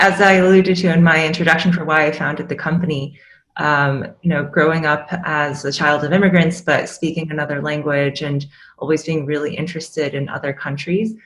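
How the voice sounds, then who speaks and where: A woman's voice: low-pitched, a bit bright, slight background noise. A woman, a startup CEO on an online panel, speaking in an articulate, reflective way. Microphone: video call.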